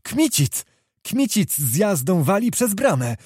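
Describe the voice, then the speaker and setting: A man voicing a small, fiery male knight who calls out battle news in an excited, breathless way. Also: on the high side, measured pace, no echo, clean studio sound.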